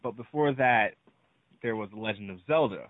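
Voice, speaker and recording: A young man in casual late-night chat about games, excitable and quick to repeat himself when he disagrees. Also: on the low side, no echo. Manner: excitable, repeats words when pushing back. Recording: tinny phone-like line, dry.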